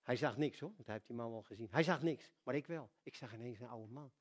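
Storytelling preacher with swinging loudness. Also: male voice, medium pitch, fast. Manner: storytelling, with big swings in loudness and frequent repetitions. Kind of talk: sermon.

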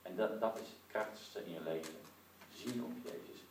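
A man with a fairly low voice preaches, telling his story lively and tossing in frequent rhetorical asides. He is recorded from some distance in a roomy space with echo and faint background noise. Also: moderate pace. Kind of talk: sermon with prayer for listeners at home.

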